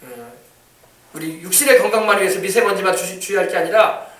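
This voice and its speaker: A man preaching from the pulpit in a high, rapid voice, stressing words and shouting hallelujah between points. The sound comes from a distance in an echoey church hall. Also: a little hiss or hum. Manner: emphatic, repetitive, calls out hallelujah. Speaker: pastor. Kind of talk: sermon. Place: church sanctuary.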